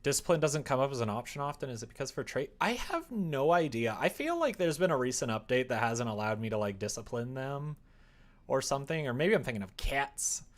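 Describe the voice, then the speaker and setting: Brisk and very animated, a medium-pitched man livestreams his visual novel development, rambling, muttering to himself and cracking jokes along the way in relaxed chat.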